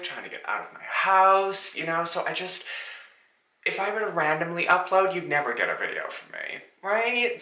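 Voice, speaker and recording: A man's voice: a little high, sharp tone, echoey room, rough recording. A man in his early thirties hosting his own channel, talking casually to viewers in a sassy, chatty way, often calling them "honey" and tagging lines with "okay?". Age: 30s. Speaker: channel host. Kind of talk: casual talk to camera.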